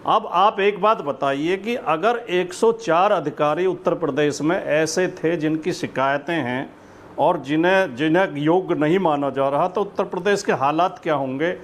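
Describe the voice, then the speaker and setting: A man's voice: on the high side, moderate pace. A man speaking as an opposition panelist on a TV debate, opening with a recited couplet and posing rhetorical questions. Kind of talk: political debate argument.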